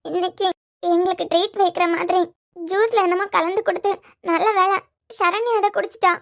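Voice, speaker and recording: A woman's voice: extremely high pitch, steady tone, brisk, gravelly, dry recording, studio quality. A woman voicing an upset young woman in a cartoon serial, pleading her case. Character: tearful young woman, the troubled sister.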